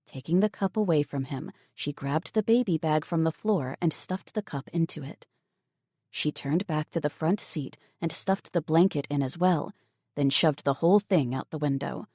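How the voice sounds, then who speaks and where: A woman narrating an audiobook novel in an even, measured storytelling manner. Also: deep voice, slightly rough, no echo, clean studio sound. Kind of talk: scripted narration.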